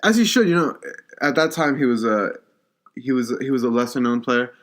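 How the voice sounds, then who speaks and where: Young male co-host, casual sports chatter, middle pitch, restarts his sentences a lot. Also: lively intonation, brisk. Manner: repeats words often, hesitant restarts. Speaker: podcast co-host.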